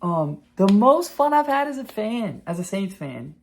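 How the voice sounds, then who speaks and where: A man in his twenties hosting a podcast, talking in a rambling, profane, excitable way in casual sports chat. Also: sits high, unhurried. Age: 20s. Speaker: podcast host.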